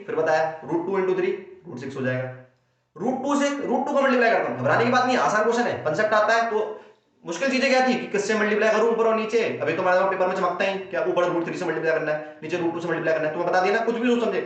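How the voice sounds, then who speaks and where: Very fast young Indian man tutoring maths. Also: high-pitched, a bit bright. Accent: Indian Hindi. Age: young adult. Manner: rapid, repetitive, acts out student questions and answers them. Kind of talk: fast online exam-prep lesson. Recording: very echoey, dull lo-fi room sound.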